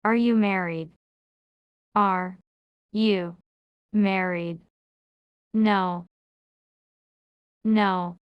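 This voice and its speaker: A woman teaching English, reading each question and answer, then repeating it word by word with long pauses. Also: mid-range voice, steady tone, clean tone, dry recording, lo-fi sound. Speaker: language teacher. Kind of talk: slow word-by-word English drill.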